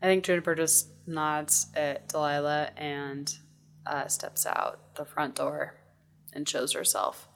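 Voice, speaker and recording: A woman's voice: low-pitched, flat delivery, takes it slowly. A woman playing in a tabletop role-playing game, describing her character's actions hesitantly with many fillers. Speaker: player. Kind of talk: casual tabletop role-play.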